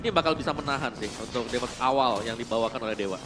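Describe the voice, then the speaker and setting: A man's voice: mid-range voice, very fast, over loud music. A man explaining builds and items in esports color commentary. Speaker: esports analyst caster.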